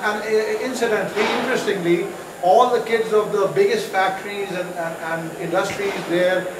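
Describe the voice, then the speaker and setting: A man from Pakistan, a guest on stage, tells his story in a chatty, self-mocking way, full of fillers and restarts. His voice sits high, and he is picked up from a distance in an echoey room with steady noise behind. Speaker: guest entrepreneur.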